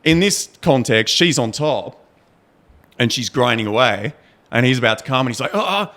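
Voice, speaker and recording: A podcast co-host in casual talk, a man with an ordinary mid-pitched voice. He tells the story with energy, laughing and swearing as he goes. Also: normal speed, a bit bright. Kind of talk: casual chat.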